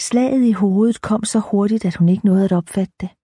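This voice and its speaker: Dark-toned woman narrating an audiobook. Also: mid-range voice, breathy edge, no room sound, clean studio sound.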